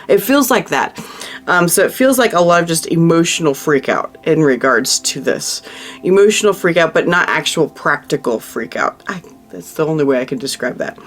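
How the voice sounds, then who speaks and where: A tarot reader giving a monthly reading to the viewer, thinking aloud over the cards in a consoling, emotional way, with frequent restarts. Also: medium pitch. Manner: frequent restarts and trailing-off phrases.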